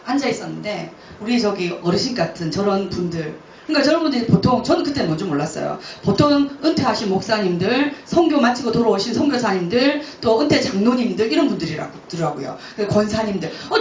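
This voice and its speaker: A woman missionary giving a lively testimony, often laughing as she tells her story in a church. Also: mid-range voice, quick pace, hardly any pauses, a little hiss or hum. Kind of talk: testimony talk. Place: church hall. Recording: roomy, distant, dull church recording.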